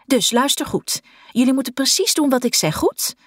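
A woman voicing a young swimming teacher calling firm, reassuring instructions across a dark pool. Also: high-pitched, animated, normal speed, husky, no echo, studio quality, pitched above the performer's own voice, heavily acted. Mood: urgent, commanding. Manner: raised, firm, reassuring commands.

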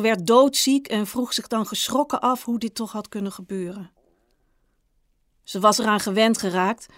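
A woman author reading her own short story aloud in a calm, measured, understated way. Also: mid-range voice, no echo, studio quality. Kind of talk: audiobook narration.

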